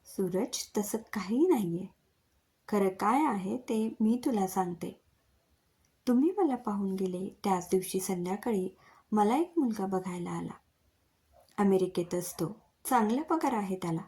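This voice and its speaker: A woman's voice: medium pitch, animated, measured pace, long pauses, mellow. A woman voicing a puzzled, direct young woman in a read-aloud story. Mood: questioning.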